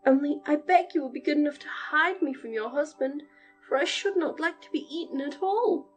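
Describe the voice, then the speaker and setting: A woman voicing a polite, frightened young boy who pleads softly in a storybook. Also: high-pitched, normal speed, soft background music, pitched above the performer's own voice, close to an everyday voice. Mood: pleading.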